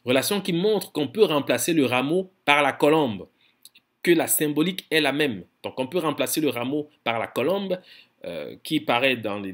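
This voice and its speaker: Firm and insistent, this male lecturer speaks in a fairly bright voice on the high side. His scholarly talk is full of repeated words while he searches for the right phrasing, with slower stretches where he spells out foreign terms.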